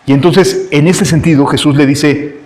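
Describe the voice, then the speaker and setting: A man's voice: on the high side, steady tone, moderate pace, darkish tone, poor audio. A man preaching a sermon, emphatic, acting out the cries and voices of the scripture story.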